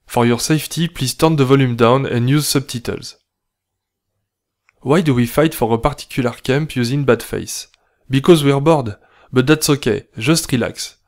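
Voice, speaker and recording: Deadpan man with a French accent. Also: mid-range voice, moderate pace. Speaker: narrator. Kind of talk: scripted satirical narration.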